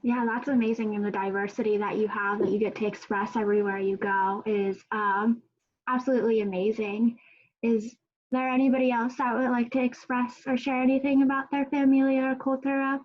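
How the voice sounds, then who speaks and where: High-voiced woman moderating a panel. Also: flat delivery, fairly quick, darkish tone. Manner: encouraging, inviting questions. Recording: dull lo-fi sound.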